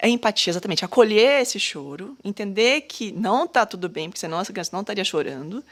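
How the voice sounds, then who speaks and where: A woman's voice: medium pitch, expressive, fast. A woman educator in a casual podcast conversation, talking thoughtfully with many fillers and restarts. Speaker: educator at a school.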